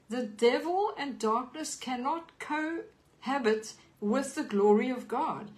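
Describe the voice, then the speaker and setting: A woman with a South African accent preaches an earnest teaching sermon over a live stream. Her voice sits a little high, and she reads scripture aloud as she teaches. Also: rough recording.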